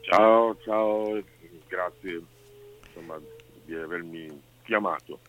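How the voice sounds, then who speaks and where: A man on speakerphone as a guest musician in a radio interview, hesitant and quiet, with many pauses and fillers. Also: low-pitched. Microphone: phone on speakerphone. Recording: tinny phone line.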